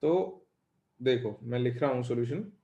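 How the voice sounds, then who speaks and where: A male chemistry teacher giving a live lecture, dictating questions slowly and chatting with his students. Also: medium pitch, fairly even intonation, dark tone, reverberant, dull audio.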